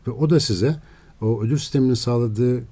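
A male neuroscientist guest giving steady, lecturing explanations in a radio interview. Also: mid-range voice, fairly quick, breathy edge.

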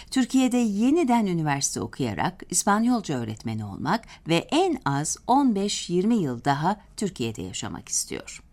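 A woman's voice: mid-range voice, darkish tone. A woman presenting a programme with scripted documentary narration.

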